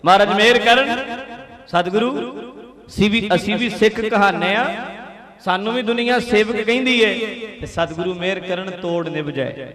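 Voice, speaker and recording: A man's voice: high voice, moderate pace, a bit bright. A man, a Sikh preacher who alternates sung verses with spoken urging to the congregation, repeating phrases as he exhorts them. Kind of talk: religious discourse with sung verses. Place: indoor hall. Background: music.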